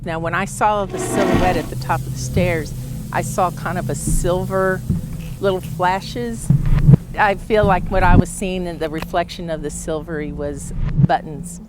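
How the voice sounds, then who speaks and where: A woman's voice: fairly low pitch, fairly even intonation, measured pace. A woman recounting a personal eyewitness experience. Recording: loud background noise.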